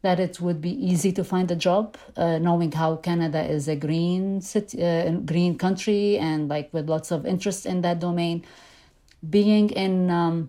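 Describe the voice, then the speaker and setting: A middle-aged Lebanese immigrant woman whose first language is Arabic answers interview questions thoughtfully, with frequent fillers and restarts. Her fairly low voice is mellow, with fairly even intonation and a slightly fast pace. The exchange is a conversational interview.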